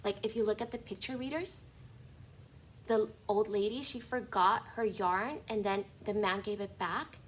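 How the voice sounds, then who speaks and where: Reading a picture book aloud over an online class call, this kindergarten teacher speaks straight to her young listeners in an expressive, teaching manner. She has a mid-range voice at a normal pace, and the poor audio carries a little hiss or hum.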